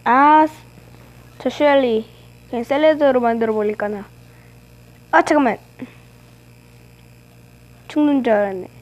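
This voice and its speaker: High-voiced woman narrating her gameplay. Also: measured pace, pauses often, low-quality recording. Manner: playful, teasing trash talk at opponents. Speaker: gaming channel host. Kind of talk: live game commentary.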